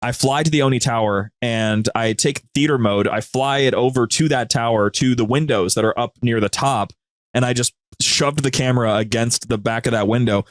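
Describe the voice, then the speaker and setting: A man appears as a podcast guest, also co-host of a media group's show, chatting casually in interview and explaining things with enthusiastic storytelling. His voice is mid-range at a moderate pace, with no echo.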